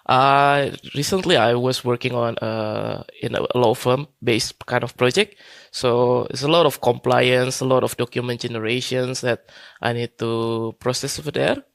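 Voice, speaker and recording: A man from Indonesia in his thirties answers interview questions in a hesitant way, full of fillers and restarts. His voice is gravelly, and it is recorded dry and close. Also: medium pitch, fairly even intonation, measured pace, a bit bright, no echo. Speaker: guest consultant. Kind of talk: casual interview talk.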